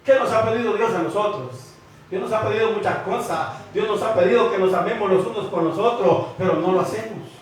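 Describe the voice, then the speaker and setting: Man preaching, high voice, distant mic, echoey church hall. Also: brisk. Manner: repeats 'hermanos', asks the congregation questions. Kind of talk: sermon.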